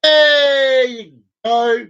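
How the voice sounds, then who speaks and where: A man's voice: very high voice, steady tone, drawn-out words, fairly bright tone, clean tone, dull audio. A man in his forties hosts a live stream and talks straight to his viewers. He rambles playfully, repeats words and phrases, and keeps the chat loose and casual. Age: 40s.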